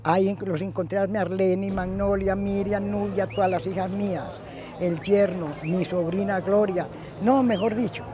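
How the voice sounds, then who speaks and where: A man's voice: high-pitched, steady tone, normal speed, crowd noise. A man giving pained, emphatic testimony about identifying his family. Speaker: bereaved father interviewee. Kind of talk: emotional testimony.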